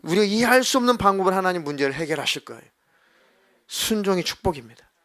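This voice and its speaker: A man's voice: high-pitched, animated, fast, fairly bright tone, dry recording, studio quality. A male senior pastor preaching a sermon, emphatic and dramatic, acting out dialogue as he goes. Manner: emphatic, acts out quoted dialogue.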